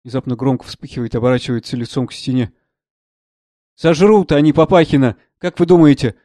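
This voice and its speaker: A man voicing an earnest, brooding young man in an audiobook reading of a play, in plain low-key speech. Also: a little fast, dark tone, no echo, close to an everyday voice.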